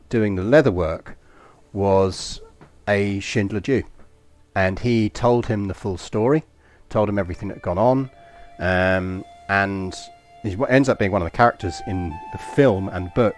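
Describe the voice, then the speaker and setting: Low-voiced English man chatting while gaming. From East London. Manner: rambling, anecdotal, swears casually. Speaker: strategy game streamer. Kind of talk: casual live-stream commentary.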